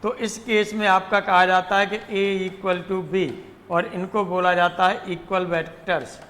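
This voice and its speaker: A man's voice: high voice, level tone, a little slow, fairly bright tone, long reverb tail. A man teaching a math lesson. He mixes with English terms, repeats key words and asks questions he answers himself. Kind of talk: classroom lecture.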